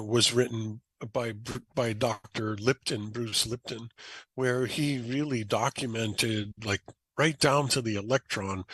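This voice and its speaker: A man chatting on a podcast, explaining ideas calmly and slipping into animated quoted voices. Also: medium pitch, no room sound, low-quality recording. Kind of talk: conversational podcast chat.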